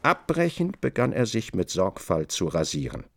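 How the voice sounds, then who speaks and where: A man giving measured, scripted literary narration for a radio drama. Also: sits low, wildly swooping pitch, gravelly. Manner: measured, descriptive reading.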